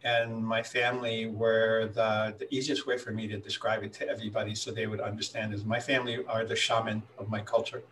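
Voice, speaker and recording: A man in his sixties from Hawaii, a guest talking about his life in a reflective, unhurried way. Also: on the low side, little pitch movement, a bit bright, far from the mic, slight background noise, rough recording. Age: 60s. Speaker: guest healer. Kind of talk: conversational interview storytelling.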